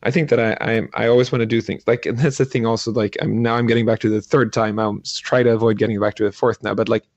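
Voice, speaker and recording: A low, gravelly middle-aged man talks casually as an interview guest, halting and circling back on himself. The sound is dry and a little dull, like a lo-fi remote call. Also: flat delivery, a little mellow, no echo. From Sweden. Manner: halting, restarts often, many "like" fillers. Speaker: guest entrepreneur.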